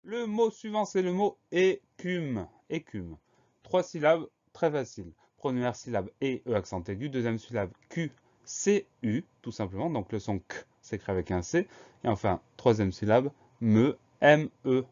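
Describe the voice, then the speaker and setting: A man's voice: medium pitch, a little mellow. A man teaching a spelling lesson, patiently spelling out words letter by letter. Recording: slightly muffled recording.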